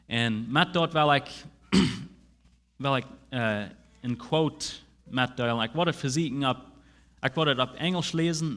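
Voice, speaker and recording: A man with a Plautdietsch accent preaching a sermon, halting and mixing in English words. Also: mid-range voice, fairly bright tone. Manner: halting, restarts often, mixes English words in.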